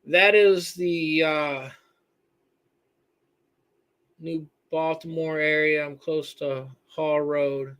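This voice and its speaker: Bright-voiced man hosting a live Q&A. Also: on the high side, fairly even intonation, slow pace, clear, resonant tone. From Michigan. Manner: rambling, self-correcting, reads chat names aloud. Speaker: host answering viewer questions. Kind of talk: live-stream Q&A.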